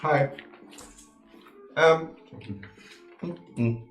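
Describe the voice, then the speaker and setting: A man's voice: fairly high pitch, extremely slow, soft background music. Casual man player in an echoey room. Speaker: tabletop game player. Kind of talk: casual game-table chat.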